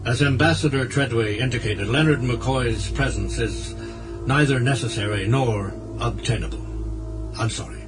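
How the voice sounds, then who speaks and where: A man voicing a steady male starship captain in an audiobook, deliberate and firm, husky-voiced. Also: medium pitch, music in the background, close to an everyday voice, rough recording.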